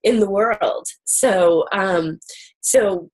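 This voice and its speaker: Woman, medium pitch, casual confessional talk, candid, emphatic repetition. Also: very slow, a little mellow, poor audio. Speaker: show host sharing her own journey.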